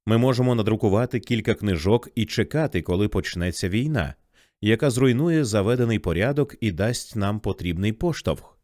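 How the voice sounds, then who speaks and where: A weary old scholar lectures with bitter regret, as a man reads him in an audiobook. The voice is low and swings widely in pitch, recorded dry and close. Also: expressive, fairly quick, a little mellow, dry recording, close to an everyday voice. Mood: reflective. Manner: lecturing, rueful.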